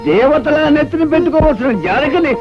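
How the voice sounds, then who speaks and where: A man's voice: extremely high pitch, lively intonation, quick pace. An actor playing a stern older grandfather, sharply questioning his grandson in a film scene. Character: stern old grandfather, probing and scolding. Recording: dull old film soundtrack with music.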